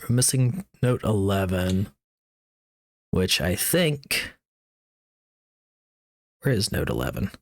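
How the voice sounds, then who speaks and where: A man's voice: sits low, big pitch swings, slow pace, long pauses, no room sound. A man streaming a video game, giving casual commentary and reading in-game text aloud.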